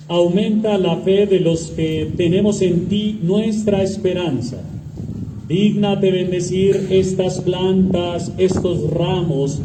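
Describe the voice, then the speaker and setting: A man leading prayer and reading the Gospel as a priest, in a measured, solemn way, his voice ringing with cathedral-like echo. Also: high-pitched. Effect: cathedral-like echo, voice heard from a distance. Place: large church. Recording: echoey church from far off, faint hiss.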